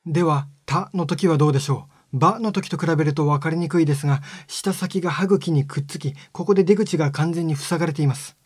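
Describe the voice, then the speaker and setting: A man giving a scripted lesson on speech sounds, explaining step by step in a calm, polite way. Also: a little high, fast, hardly any pauses, husky, no room sound, clean studio sound. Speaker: phonetics teacher.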